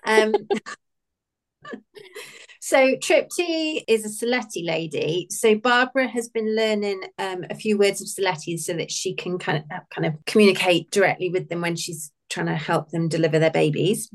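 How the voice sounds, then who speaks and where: A woman's voice: mid-range voice, moderate pace. A British woman co-hosting a TV rewatch podcast, steering the chat back on track with dry asides. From Britain. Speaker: podcast co-host. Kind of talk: casual chat.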